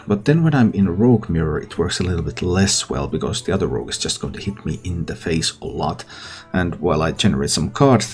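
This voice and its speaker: Male gaming host, low and creaky, very varied intonation, casual think-aloud play commentary. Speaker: gaming content creator and host. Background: background music.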